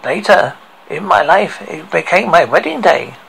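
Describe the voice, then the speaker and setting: Man playing a gravelly, deranged killer, halting and slow. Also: on the high side, expressive, fairly bright tone, full character voice, poor audio. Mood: menacing. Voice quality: heavily creaky, gravelly. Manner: slow, halting, theatrical delivery. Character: deranged male killer tormented by worms in his head. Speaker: horror host. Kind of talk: dramatic horror story recital.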